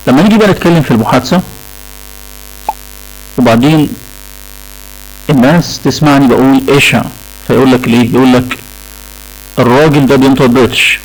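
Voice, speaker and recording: A man's voice: mid-range voice, fast talker, pauses often, low-quality recording. A man with an Egyptian Arabic accent lecturing a class on English pronunciation, repeating key points and checking in with the students. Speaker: English teacher.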